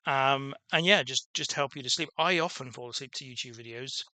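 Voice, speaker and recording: A channel host casually narrates his own gameplay in a let's-play, rambling with lots of restarts and fillers and describing his own voice as dull. He speaks fairly quickly in a medium-pitched, sharp-toned voice, with no echo.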